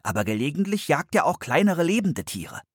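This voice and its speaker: A man's voice: on the high side, very animated, fairly quick, breathy edge, no room sound, studio quality, voice pushed up. A man voicing a curious, bookish young boy in a storybook, explaining things earnestly. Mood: eager.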